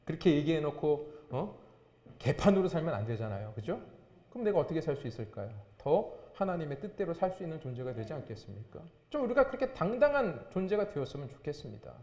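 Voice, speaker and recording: A man's voice: fairly high pitch, sing-song, fast, darkish tone. A man, a pastor, preaching a sermon with emphatic, rising and falling delivery. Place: church sanctuary. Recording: echoey church hall.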